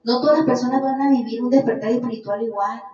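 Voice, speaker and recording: A woman giving an earnest religious testimony as a podcast guest, warmly calling the listener "little brother". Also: a little high, fairly even intonation, fast, soft background music. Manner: earnest, calls listener "hermanito". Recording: echoey, distant, dull lo-fi sound.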